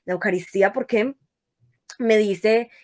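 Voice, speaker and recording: Young woman telling a lively faith testimony. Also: medium pitch, a little slow. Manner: lively storytelling that acts out her own past words. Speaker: guest giving a faith testimony. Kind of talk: casual testimony in an interview.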